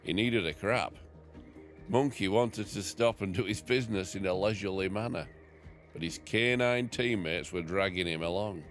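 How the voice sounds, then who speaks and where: Very deep-voiced man narrating. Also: moderate pace, soft background music. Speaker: farmer reading his book aloud. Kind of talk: reading a memoir aloud.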